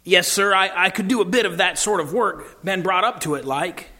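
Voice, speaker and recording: A man doing a humble rough-spoken London cabbie. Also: high-pitched, unhurried, sharp tone, big-room sound. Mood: earnest. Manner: dropped aitches and rough working-class grammar; earnest and deferential. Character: rough humble male London cab driver.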